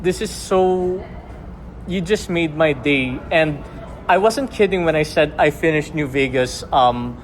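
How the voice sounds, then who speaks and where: A man's voice: a little high, expressive, measured pace. A male fan talking casually, earnest and hesitant with lots of ums. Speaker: fan at a meet and greet. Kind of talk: casual chat.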